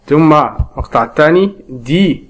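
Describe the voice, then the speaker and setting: A man's voice: fairly high pitch, lively intonation, normal speed. A man teaching French reading to Arabic speakers, patiently repeating each word and answering his own questions. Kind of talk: slow step-by-step reading lesson.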